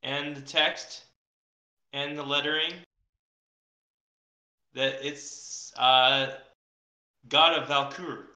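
A man narrating as game master in an online tabletop game, pausing often to look up details. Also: a little high, fairly even intonation, bright, forceful tone, echoey room. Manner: halting, looks things up mid-narration.

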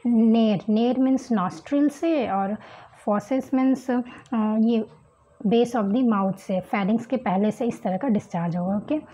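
A woman teaching homeopathy, slowly reading English terms from a book and explaining them in Hindi with frequent "okay"s. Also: a little high, warm tone, highs cut off. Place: indoors at a table, book and pen on camera.

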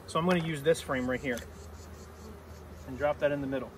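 Captured by a camera mic a few steps away with only slight background noise, a middle-aged man gives a hands-on beekeeping lesson in a grassy-yard apiary. His mid-range voice is fairly quick and fairly even in intonation as he plainly explains each step.

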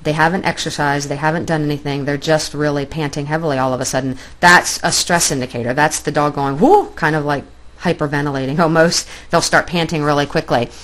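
Low-voiced woman teaching dog behavior. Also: steady tone, a little fast, a bit bright. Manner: explanatory, plainspoken, pointing at pictures. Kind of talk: online lecture with slides.

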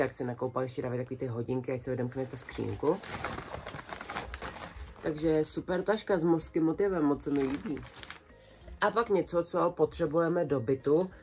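A young adult woman vlogging in a small bedroom, chatting casually and colloquially as she shows off her purchases one by one to a close camera. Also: deep voice. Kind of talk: casual haul video chat. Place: small decorated bedroom indoors.

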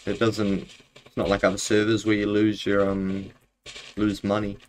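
A man's voice: lowish voice, monotone, moderate pace. A young man with a broad New Zealand accent chatting casually on a gaming livestream in a laid-back, rambling, slangy way. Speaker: game streamer. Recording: clear background noise, keyboard and mouse clicks. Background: keyboard typing and clicks.

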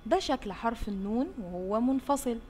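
A woman teaching young children in an Egyptian Arabic accent, slowly sounding out letters and praising them often. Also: on the high side, expressive, darkish tone. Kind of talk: slow drawn-out phonics lesson for young children. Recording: roomy with long reverb, faint hiss.

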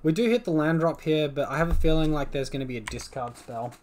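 A man's voice: fairly high pitch, fast talker, a little hiss or hum. Man thinking aloud over a card game. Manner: thinks aloud about each play, swings from groans to relieved excitement. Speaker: card game player commentating his own match. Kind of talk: casual live gameplay commentary.

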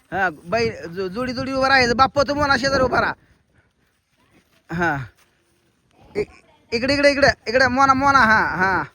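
A man's voice: extremely high pitch, pushed and bright, slight background noise. A man, vlogging a children's contest and repeating instructions to them in a coaxing way. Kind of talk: casual outdoor vlog commentary.

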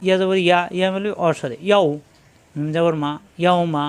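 A man with a smooth, clear, fairly high voice leads a recitation lesson. He breaks each word into syllables, names them one by one, then chants the whole phrase in a long, drawn-out tune. He speaks with a Bangladeshi Bengali accent. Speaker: Quran reading teacher. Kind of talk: slow letter-by-letter recitation lesson.

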